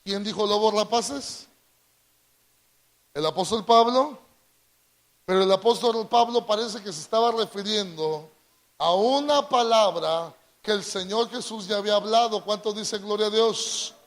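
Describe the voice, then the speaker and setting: A man with a Latin American Spanish accent preaching a call-and-response sermon, drawing out key words and prompting the congregation to repeat after him. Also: high voice. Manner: drawn-out emphatic delivery, prompts congregation to repeat.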